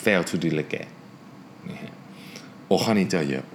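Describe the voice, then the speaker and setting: A man's voice: sits low, lively intonation, slow pace, slight background noise. A man hosting a podcast, giving an earnest solo talk and repeating his key points for emphasis. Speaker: podcast host.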